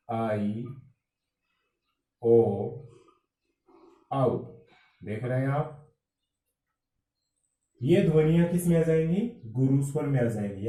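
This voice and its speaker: A man teaching Hindi grammar for exam preparation, explaining slowly and drawing out vowel sounds. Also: a little high, warm tone, distant mic. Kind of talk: exam-prep lecture. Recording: echoey room, voice from off-mic.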